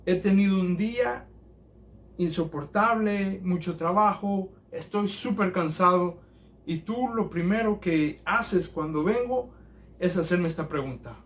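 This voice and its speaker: A man's voice: high voice, measured pace. A man voicing a tired, short-tempered working father in a told story, scolding his son. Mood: angry. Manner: scolding, then apologetic.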